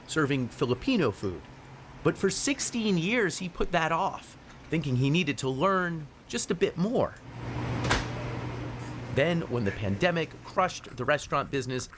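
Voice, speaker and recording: A man working as a news correspondent, narrating a feature story in a crisp, measured reporter's delivery and putting probing questions to his subject. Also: on the high side, background noise. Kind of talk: broadcast feature narration and interviewing.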